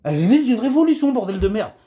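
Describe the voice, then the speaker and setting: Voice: medium pitch, big pitch swings, fast, dark tone. A video commentator delivering a heated rant to camera, agitated and emphatic, with many hesitations and restarts.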